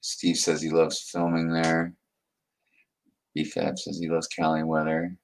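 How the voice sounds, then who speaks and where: An American man hosts a livestream, rambling and chuckling as he chats casually with viewers, reads their comments aloud, and addresses them by name. His voice is rumbling low and gravelly, and his slow delivery stays completely flat.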